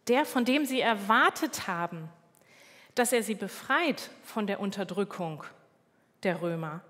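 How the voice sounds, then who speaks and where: A woman giving a sermon in a calm, measured way, now and then correcting herself. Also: mid-range voice, in a large hall. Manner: calm, measured, with small slips and self-corrections. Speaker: preacher.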